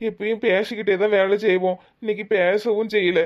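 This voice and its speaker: A performer voicing a worried young cartoon coworker with a Tirunelveli Tamil accent. He talks in a flat, mid-pitched voice. The recording sounds dull and lo-fi. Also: fairly quick, close to an everyday voice. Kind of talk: cartoon voice acting.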